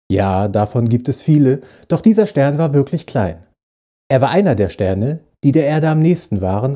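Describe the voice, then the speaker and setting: Dark, husky male storyteller. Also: mid-range voice. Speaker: podcast host reading short stories. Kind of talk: storytelling narration.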